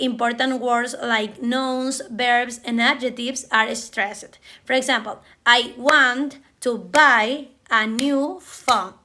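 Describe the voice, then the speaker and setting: A woman with a high voice giving a prepared talk as an English teacher. She takes her time, pausing on fillers and correcting herself as she goes. She sounds out example words slowly and clearly. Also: pushed and bright. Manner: careful, halting delivery with fillers and self-corrections. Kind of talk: prepared classroom presentation.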